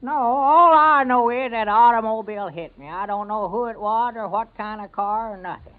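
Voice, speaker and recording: An actor playing a sheepish, bumbling country husband, high-voiced and hesitant, with a rural Southern American accent in a radio comedy. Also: male voice, moderate pace, lightly acted. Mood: sheepish, evasive. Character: sheepish, evasive country husband and bumbling small-town constable. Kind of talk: old-time radio comedy serial acting. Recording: narrow, tinny vintage radio recording.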